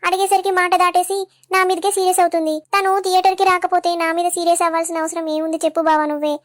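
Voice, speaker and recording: Woman doing a shrill, sulky young wife. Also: flat delivery, racing, no echo, studio quality. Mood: hurt, complaining. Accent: Telangana Telugu. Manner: whiny, complaining, pleading. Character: sulky weepy young wife, easily hurt.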